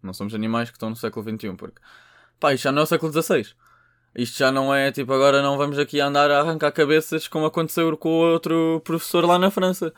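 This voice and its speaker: A man's voice: on the high side, steady tone, very fast, fairly bright tone, smooth, dry recording, studio quality. A young man with a European Portuguese accent, rambling through a casual podcast monologue, full of slang, swearing and filler words. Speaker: podcast host.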